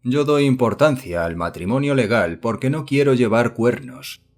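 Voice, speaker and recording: A man voicing a self-important middle-aged gentleman who speaks formally and condescendingly in an audiobook. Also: mid-range voice, normal speed, close to an everyday voice. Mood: curt.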